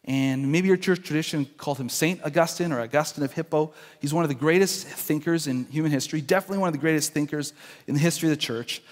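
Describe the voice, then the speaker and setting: A man's voice: on the high side, quick pace. A man preaching a sermon in a church, in an earnest conversational way, often restarting his sentences. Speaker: pastor. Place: church sanctuary. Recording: long church hall reverb.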